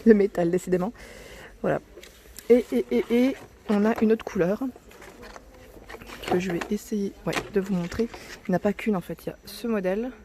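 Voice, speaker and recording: With a mellow, mid-range voice, a woman vlogs casually from a store aisle, showing off new arrivals. She chats away, corrects herself often, sometimes drops almost to a whisper, and her voice cracks since it's early morning.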